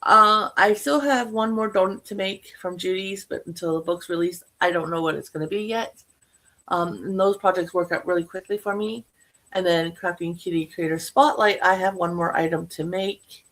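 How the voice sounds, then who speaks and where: A woman's voice: lowish voice, normal speed, a bit bright. A middle-aged woman talking casually to her viewers about her crochet projects, rambling and correcting herself as she goes. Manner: rambling, chatty, self-correcting. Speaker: crochet vlogger.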